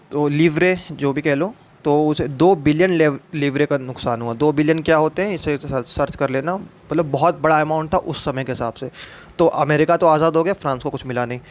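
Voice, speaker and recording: A man teaching a history lesson in a loose, conversational way, posing questions and answering them himself. His voice sits a little higher than most men's. He restarts words often and slips English terms into his explanations. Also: normal speed.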